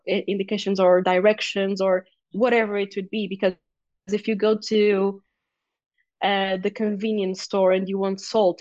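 With a darkish, mid-range voice, a young woman from Portugal speaks with a Portuguese accent as a guest athlete in a casual interview. She's talkative, laughs easily, and restarts a lot with plenty of fillers. The sound is lo-fi with no room sound.

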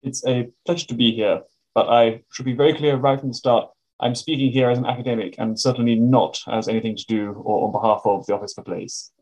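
A man's voice: medium pitch, fairly even intonation, fairly quick, a little mellow, low-quality recording. Donnish British man, careful academic talk. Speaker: academic researcher, interview guest. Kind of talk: explanatory interview talk.

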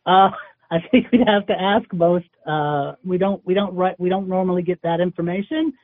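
Over a tinny phone line, a man who works as a casting agent speaks hesitantly on a call, restarting often. His voice is high and his pace moderate, heard through a phone speaker.

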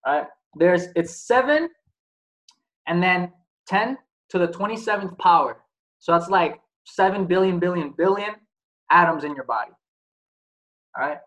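A man's voice: high-pitched, lively intonation, a little slow, pauses often, a bit bright, poor audio. A man giving a casual motivational talk as host, blunt and profane, asking many rhetorical questions. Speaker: podcast host.

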